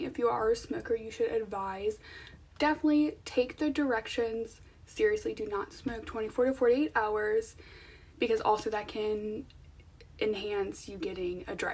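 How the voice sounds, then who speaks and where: A woman's voice: on the high side, a little mellow, husky, recorded from a distance. A young woman talking casually to viewers in an informal, conversational vlog style. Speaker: vlogger. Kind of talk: casual chatty vlog to camera.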